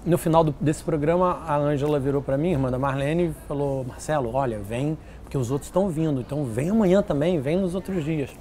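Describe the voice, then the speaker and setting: A man telling stories in an interview, lively and acting out what others said. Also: a little high, a little fast, hardly any pauses, a little hiss or hum. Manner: animated, acts out quoted voices. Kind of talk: casual storytelling interview.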